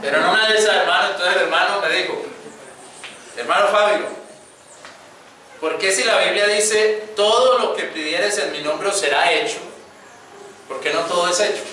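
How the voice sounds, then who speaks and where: A man preaching in a church, telling a personal story and quoting scripture in a loose, conversational way full of fillers and "right?". His voice sits fairly high and sounds bright and forceful. The sound comes from far off in a strongly echoing hall, with faint room noise behind it. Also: normal speed, pauses often. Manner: chatty storytelling with frequent fillers and rhetorical "¿cierto?". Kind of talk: conversational sermon.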